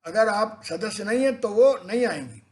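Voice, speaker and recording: A man's voice: sits high, animated, normal speed, a little mellow. An older man explaining history as an educator in an unscripted lecture, switching into English phrases and restarting words as he goes.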